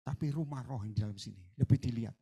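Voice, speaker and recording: A male pastor preaching a sermon, swinging from soft asides to loud fiery exhortation and mixing in English words. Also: mid-range voice, fast, slightly rough. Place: church hall.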